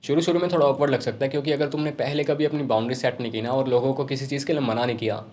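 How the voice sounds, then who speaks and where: A young man giving casual self-improvement advice to camera, talking rapidly and informally. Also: medium pitch, fairly even intonation, darkish tone. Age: young adult.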